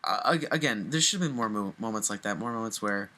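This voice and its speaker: A man's voice: on the low side, animated, fast, pushed and bright, slight background noise. A young man co-hosting a horror movie review, chatting casually with a lot of ums and restarts. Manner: hesitant, many ums and restarts.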